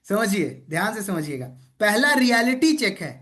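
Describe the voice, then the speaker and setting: A lively man runs a sales workshop over a video call. He drives the group through call-and-response drills and keeps asking whether everyone is with him. He also teases participants good-naturedly along the way. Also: high voice, normal speed. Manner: energetic call-and-response, keeps checking in with "okay?"; playful teasing of participants. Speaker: sales trainer. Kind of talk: interactive online training session.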